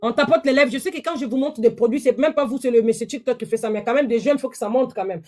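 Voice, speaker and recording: Woman doing a live sales stream on her phone, kinda high voice, keeps pleading and repeating herself. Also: fast, darkish tone. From DR Congo. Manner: pleading, repetitive, chatty.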